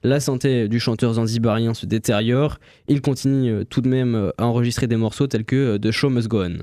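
A man's voice: medium pitch, steady tone, warm tone, no echo, studio quality. Hesitant young male radio columnist. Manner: halting, many fillers and restarts. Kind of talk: reading a history segment on air.

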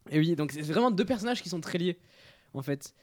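A man's voice: fairly high pitch, expressive, a little fast, no room sound. A young man presenting a radio column in casual talk, hesitant and full of fillers.

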